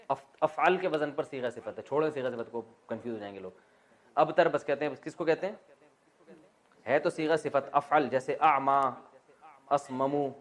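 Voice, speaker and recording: Man, religious teacher, fairly high voice, explaining scripture, asks and answers his own questions. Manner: asks rhetorical questions and answers them himself; light joking asides. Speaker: Islamic scholar teaching Quran exegesis. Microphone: recording while writing on a board.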